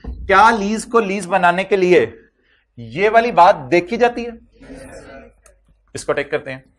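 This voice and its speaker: A male lecturer with a Pakistani Urdu accent teaches an accounting class. His delivery is animated, and he fires quick questions at the students as he works through the material. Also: high-pitched.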